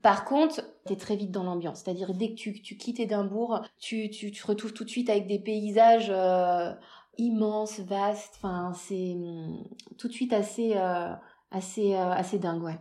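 A woman's voice: medium pitch, a little slow. Chatty woman telling travel stories. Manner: chatty and animated, many hesitations and repeated words. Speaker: interview guest recounting a road trip. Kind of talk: casual conversational interview.

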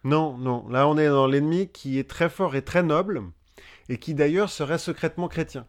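A man's voice: on the high side, normal speed. A man co-hosting a casual history podcast, chatty and joking, often restarting his sentences with fillers. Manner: joking asides. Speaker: podcast co-host.

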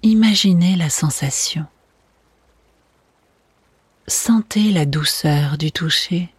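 Very slowly, a meditation guide speaks in a soft spa whisper, extremely breathy and hushed, with a mid-range voice. The delivery is soothing throughout and sounds close and dry, with almost no room around it and no echo.

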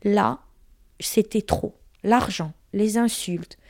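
A woman's voice: medium pitch, slow pace, vocal fry, a little mellow, dry recording, clean studio sound. A young woman from Corsica frankly telling a personal story in casual talk, crude and emphatic, acting out what people said. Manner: frank, crude, emphatic retelling with acted quotes.

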